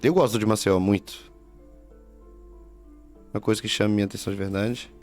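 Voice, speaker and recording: A man's voice: on the low side, steady tone, fairly quick, darkish tone. A man with a Minas Gerais accent, chatting casually and slangily while streaming a game. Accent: Minas Gerais Brazilian Portuguese. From Minas Gerais, Brazil. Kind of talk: casual gameplay commentary. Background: faint game music.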